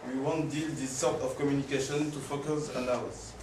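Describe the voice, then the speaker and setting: A young man reads in a plain, measured voice. He sounds far from the mic, with room echo and noise behind him. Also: medium pitch, level tone. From France. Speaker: student. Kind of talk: reading a prepared class presentation.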